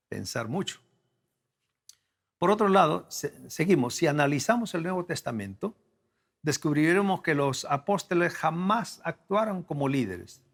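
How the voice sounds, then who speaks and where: A male pastor from South America preaching at a leadership forum, teaching slowly with repeated key phrases and rhetorical questions. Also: on the high side, creaky, fairly bright tone. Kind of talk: sermon. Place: church or conference hall.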